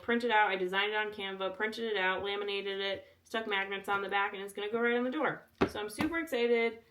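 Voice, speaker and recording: Woman vlogging her packing, kinda monotone, says like a lot, middle pitch voice. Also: slight background noise. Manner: self-described monotone delivery; chatty, filler-heavy. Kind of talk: casual packing vlog.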